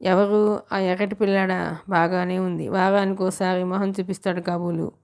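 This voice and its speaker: A woman's voice: on the low side, flat delivery, normal speed, darkish tone, smooth, close to an everyday voice. A woman voicing a fretful, scolding old grandmother in an audiobook novel. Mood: reproachful. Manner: reproachful.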